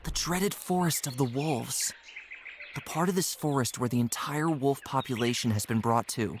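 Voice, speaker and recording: A woman's voice: rumbling low, normal speed, noisy background. A woman voicing a young adventurer heroine in a game, talking to herself with wry asides. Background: game music.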